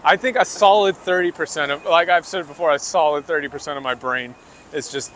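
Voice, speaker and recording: A man's voice: fairly high pitch, a bit bright. A man hosting a livestream, chatting casually and joking with internet slang as he walks outdoors. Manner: jokey, quick, internet slang. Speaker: livestream host. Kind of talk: casual chat while walking. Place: outdoors on city streets. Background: faint street noise.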